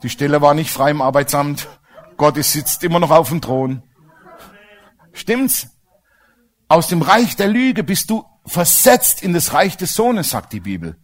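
A man's voice: fairly high pitch, very animated, unhurried. A man preaching a sermon with emphasis and humorous asides, often asking the congregation for agreement.

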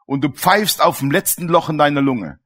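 A man's voice: a little high, moderate pace, a bit bright. A man preaching a sermon in a colloquial, storytelling way, turning to his listeners with questions. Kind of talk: sermon with personal stories.

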